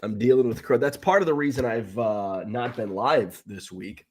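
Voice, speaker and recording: Speaking at medium pitch and a moderate pace, a middle-aged man who sells baseball cards and streams live gabs in a casual vlog. A cold leaves his voice a little rough as he wanders chattily and corrects himself along the way.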